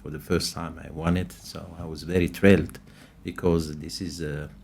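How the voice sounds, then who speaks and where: A man's voice: very deep voice, level tone, normal speed, vocal fry, a little mellow. A man with a Moroccan accent, a native speaker of Moroccan Arabic, answering as a scientist guest in a conversational interview. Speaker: podcast guest, scientist and professor.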